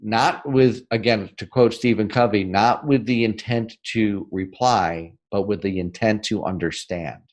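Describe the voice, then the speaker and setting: A man from the northern United States, a guest on an interview podcast, explaining sales technique in an energetic and emphatic way, often asking "right?" and speeding up or slowing down for emphasis. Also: lowish voice. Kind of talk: interview, teaching.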